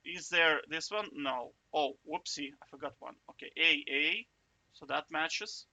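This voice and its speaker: Speaking unhurriedly in a fairly high, sharp-toned voice, a man walks through code casually, thinking aloud as he works. He's chatty, cuts himself off, makes jokey asides, and often asks "right?" to check in with the viewer.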